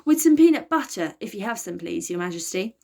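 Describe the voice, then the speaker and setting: A woman's voice: medium pitch, expressive, brisk, natural voice. A woman voicing an eager, cheeky young schoolboy in a storybook reading, blurting his lines out.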